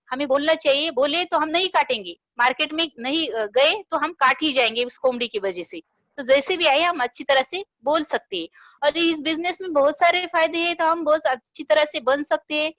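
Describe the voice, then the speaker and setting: A woman's voice: high voice, moderate pace, fairly bright tone, no echo. A woman from Maharashtra with a Marathi accent, giving a hesitant motivational talk with a story at a business meeting over a video call, with many fillers and restarts. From Maharashtra, India.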